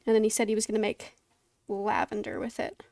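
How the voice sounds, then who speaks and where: Female art streamer, casual, mildly flustered, gravelly fry, close dry sound. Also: medium pitch, very animated, fairly quick, darkish tone, no room sound. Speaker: streamer painting along to a tutorial. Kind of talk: casual live-stream chat, thinking aloud.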